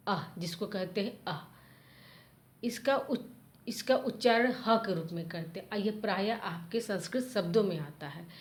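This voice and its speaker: A woman teacher giving a grammar lesson to children, spelling out letter sounds one at a time in a patient, explanatory way. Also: mid-range voice. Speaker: school teacher.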